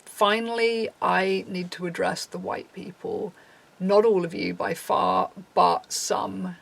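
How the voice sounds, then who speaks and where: Earnest high-voiced man with gravelly fry. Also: steady tone, takes it slowly, a bit bright. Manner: earnest, reads from a prepared script. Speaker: channel host. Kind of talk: apology video to camera.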